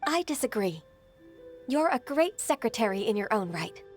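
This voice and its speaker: An actress voicing a gentle, ageless, half-divine secretary in a video game, soft-spoken and earnest. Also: female voice, fairly high pitch, big pitch swings, normal speed. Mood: kind. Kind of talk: game voice acting. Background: game soundtrack music.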